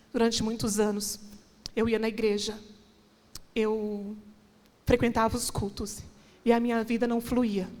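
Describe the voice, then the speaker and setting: A woman's voice: fairly high pitch, a little mellow. A woman minister preaching a sermon and giving an impassioned personal testimony, building to emphatic declarations. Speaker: guest minister. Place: church hall. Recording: long church reverb.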